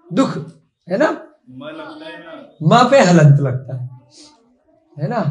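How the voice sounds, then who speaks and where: A man with a notably high voice teaches a class at an unhurried pace. He repeats points and keeps quizzing his students. The sound carries a strong echo from the room.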